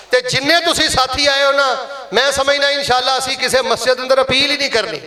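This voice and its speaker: The speaker is a man with a Punjabi accent making a mosque fundraising appeal at Friday prayers, coaxing the congregation and offering blessings. His voice is very high and sharp, and the room is echoey.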